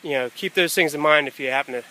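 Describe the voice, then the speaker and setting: A man narrating a hiking vlog in a casual, unscripted way, often pausing mid-thought, recorded outdoors on a handheld camera. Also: a little high, bright, forceful tone, rough recording. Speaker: hiker filming a trail vlog. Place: outdoors on a wooded rocky trail near a stream. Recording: outdoor camera audio with ambient noise.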